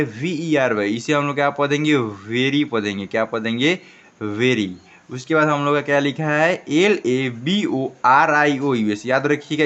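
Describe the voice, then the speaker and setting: A man's voice: mid-range voice, a bit bright, clean tone, muffled recording. A man teaching an English reading lesson, spelling out each word letter by letter and answering his own questions. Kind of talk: classroom lesson.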